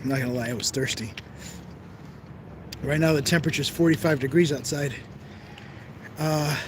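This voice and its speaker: The speaker is a livestream host, a man whose voice is fairly high in pitch. He's outside on a casual stream, chatting aimlessly, reading viewer comments out loud and laughing at himself, with a noisy background behind him.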